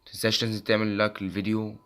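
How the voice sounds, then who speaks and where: A young man with an Egyptian accent and a worn, hoarse voice walks through an app on screen, quickly asking "okay?" after nearly every phrase. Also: on the low side, little pitch movement, a bit bright. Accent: Egyptian Arabic. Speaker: tech channel host. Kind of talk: casual screen-recording walkthrough.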